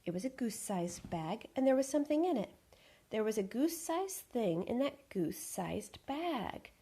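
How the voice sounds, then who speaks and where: Expressive woman storyteller, husky voice. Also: fairly high pitch, moderate pace. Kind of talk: reading a picture book aloud.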